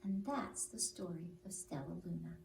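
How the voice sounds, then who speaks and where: A woman telling stories to young children in an animated story-time style. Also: on the low side, normal speed, vocal fry. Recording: roomy, distant mic, faint noise.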